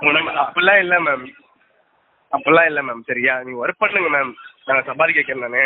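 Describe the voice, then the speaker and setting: A man's voice: fairly high pitch, quick pace, no room sound. A man on a phone call, dismissive and curt, brushing off her pleas with "remember that" and "madam". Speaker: scheme recruiter on a phone call. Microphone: phone call recording. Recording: dry, tinny phone line.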